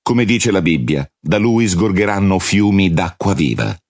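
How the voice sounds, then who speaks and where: A man's voice: sits low, animated, a little slow, a little mellow, no room sound, clean studio sound. A man reading a solemn religious teacher.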